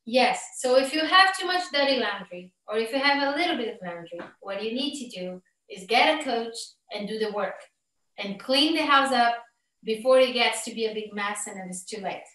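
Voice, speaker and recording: A woman relationship coach speaking as a podcast guest, animated and acting out everyday scenes. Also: on the high side, normal speed. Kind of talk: podcast interview. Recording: roomy, distant mic.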